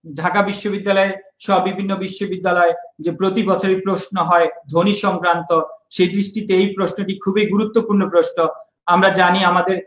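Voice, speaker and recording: A man's voice: sits high, flat delivery, quick pace, a bit bright, roomy sound, rough recording. A young man from Bangladesh, teaching an online exam-prep lesson and repeating key points.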